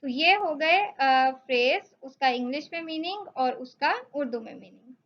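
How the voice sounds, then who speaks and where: A young woman teaching an English vocabulary lesson, explaining each phrase slowly with several meanings. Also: sits high, expressive, highs cut off. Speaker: English instructor.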